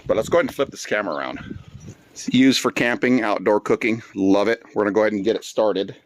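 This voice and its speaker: A Philippine-born man in his forties hosts a cooking channel, talking casually through a vlog on his windy front patio while food sizzles and gets stirred in a wok. His voice sits on the low side, relaxed and chatty, full of "uh" fillers and Tagalog phrases. He records on a cell phone with Bluetooth earbuds, so the outdoor audio is noisy with wind and sizzling.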